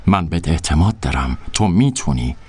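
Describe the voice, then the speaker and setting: An actor in a dubbed film playing a menacing man who coaxes and quietly threatens a girl. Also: extremely low pitch, expressive, breathy edge, heavily acted. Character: smooth menacing older pimp coaxing a girl.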